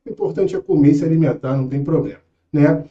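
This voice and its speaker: A man's voice: on the high side, huge pitch swings, quick pace, roomy sound, dull audio. A young man with a Rio de Janeiro accent teaching an exam-prep lesson in a casual, patient way, often checking in with his students. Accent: Rio de Janeiro Brazilian Portuguese.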